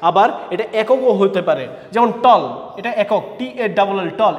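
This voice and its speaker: A man teaching a grammar lesson, explaining slowly and spelling words out letter by letter. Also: high-pitched. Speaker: English teacher. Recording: echoey room with long reverb.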